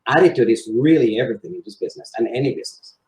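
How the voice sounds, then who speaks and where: A real estate salesman talks rapid-fire in a medium-pitched, darkish voice while answering an interview conversationally. Originally a Spanish speaker from Venezuela and Spain, he's recorded in a roomy space with echoing sound.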